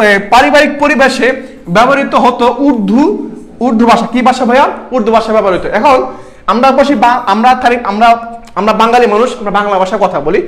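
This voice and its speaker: A man's voice: very high-pitched, a bit bright. A young man, tutoring students for an admission exam, quizzing them and repeating key answers. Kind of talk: online exam-prep class.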